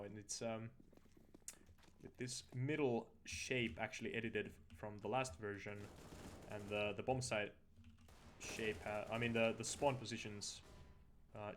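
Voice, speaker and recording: Low-voiced man casually commentating a game. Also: a bit bright, slight background noise. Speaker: match commentator. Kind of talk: casual esports commentary over gameplay. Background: in-game audio bleeding through.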